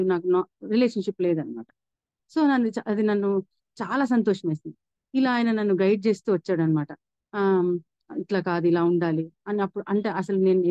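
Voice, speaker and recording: A woman's voice: medium pitch, warm tone, no room sound, lo-fi sound. A woman telling her personal faith testimony in an earnest, reflective way, with frequent restarts.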